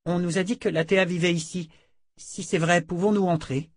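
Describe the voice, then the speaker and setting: A woman's voice: fairly low pitch, steady tone, normal speed, a little mellow, dry recording, clean studio sound, pitched above the performer's own voice, lightly acted. A man reading aloud, voicing a frightened young woman who pleads urgently for help in an audiobook. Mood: hopeful. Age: young adult.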